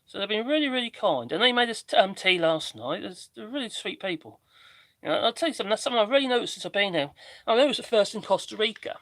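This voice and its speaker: A man with a slightly mixed Norfolk English accent and a squeaky voice, chatting casually and ramblingly as he hosts a livestream. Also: big pitch swings, quick pace, a bit bright, no echo. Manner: rambling, chatty, self-interrupting. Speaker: livestream host doing DIY work.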